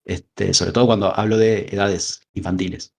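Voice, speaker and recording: A man's voice: low voice, steady tone, normal speed, creaky, darkish tone. A man with a Rioplatense Spanish accent, co-hosting a casual film discussion podcast, rambling with frequent filler words. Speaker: podcast co-host.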